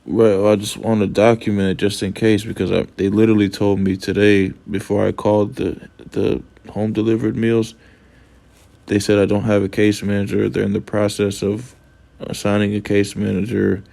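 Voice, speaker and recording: Low, creaky, even-toned man. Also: moderate pace. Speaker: customer on a call. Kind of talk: customer service phone call.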